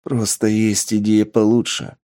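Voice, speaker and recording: A man voicing a calm male schemer who explains his plan in a steady, persuasive way, close to his own voice. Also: lowish voice, unhurried, no echo.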